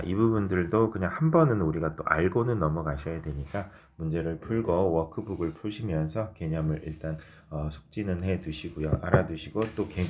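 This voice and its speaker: A man's voice: low-pitched, a little mellow, slight background noise. A man teaching an English grammar lesson, explaining step by step and asking and answering his own questions as he works through example sentences. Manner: reads English example sentences slowly, word by word. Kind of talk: recorded online grammar lesson.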